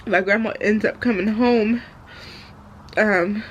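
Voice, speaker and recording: A woman talking candidly in a raw personal vlog, hesitant and halting as she confides in viewers. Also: medium pitch, steady tone, a little hiss or hum. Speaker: vlogger. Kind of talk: raw confessional vlog talk.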